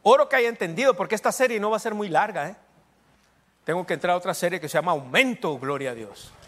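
A man's voice: high-pitched, lively intonation, fast. A middle-aged man preaching a sermon as pastor, in a casual joking way, breaking into short prayers and amens. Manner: informal, joking asides with prayer interjections. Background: soft instrumental music.

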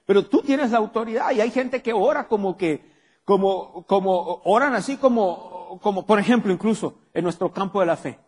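A man's voice: high voice, moderate pace, darkish tone, husky. A male pastor preaching a sermon to his congregation and firing rhetorical questions at them. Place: church hall with a congregation. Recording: long hall reverb.

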